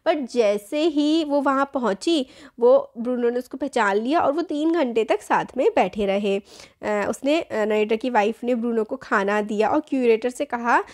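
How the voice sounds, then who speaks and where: A young woman talks through a school chapter in a relaxed teaching tone. Her voice sits high, and she keeps rephrasing to make each point clear. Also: a little slow, few pauses. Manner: explains in Hindi mixed with English terms, rephrases with "matlab". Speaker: teacher, channel host. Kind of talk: casual explanatory lesson.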